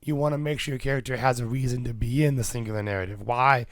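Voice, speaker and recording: A man co-hosting a podcast, with a raspy voice gone hoarse from illness, explaining a topic steadily with fillers. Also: medium pitch, fairly even intonation, quick pace, no echo, clean studio sound. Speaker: podcast co-host. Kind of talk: casual chat about tabletop games.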